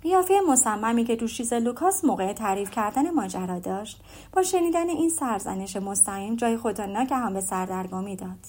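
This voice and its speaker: A woman reading a novel aloud as an audiobook narrator, in even, measured storytelling. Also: mid-range voice.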